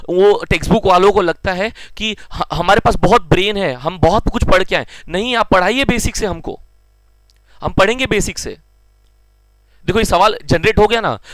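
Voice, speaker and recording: A man's voice: medium pitch, fairly bright tone, no echo. A young man teaching a science lesson in a chatty Hindi-English mix, firing off questions and answering them himself. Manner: says he talks fast. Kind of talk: classroom lecture.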